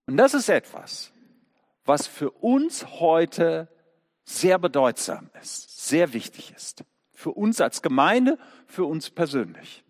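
A man preaching in a church, his voice pitched high and swinging widely up and down. He takes his time, leaning into the story and tossing out rhetorical questions. Long reverb from the hall trails each phrase. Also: sing-song, takes it slowly. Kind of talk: sermon.

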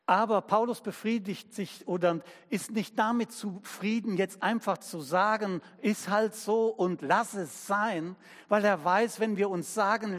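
A man preaching a sermon as pastor, slow and emphatic, using everyday examples. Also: on the high side, long reverb tail.

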